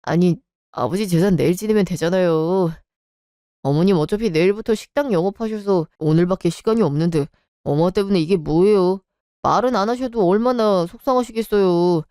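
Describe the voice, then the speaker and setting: A woman's voice: on the low side, brisk, warm tone, smooth, dry recording, clean studio sound, natural voice. A woman voicing an exasperated young husband in a radio drama, frustrated and pleading. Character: young married man, exasperated husband defending his wife.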